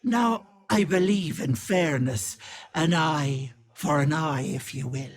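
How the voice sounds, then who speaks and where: An actress playing a wicked old hag who poses as a kindly auntie in a video game, sly, wheedling and sharp-tongued, with sugary endearments. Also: female voice, low-pitched, slow. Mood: sly, bargaining. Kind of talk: game voice acting, theatrical.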